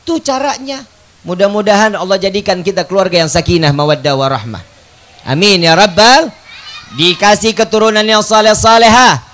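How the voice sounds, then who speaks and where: A man preaching a humorous religious sermon, joking and calling out loudly to the crowd. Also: sits high, normal speed. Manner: joking, loud call-and-response with the crowd. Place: outdoor religious gathering.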